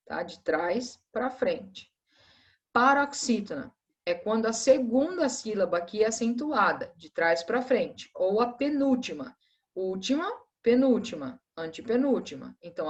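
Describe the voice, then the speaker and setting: A woman teacher, reviewing a lesson for her students in a patient, explanatory way with frequent tag questions. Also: mid-range voice. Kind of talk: recorded class review.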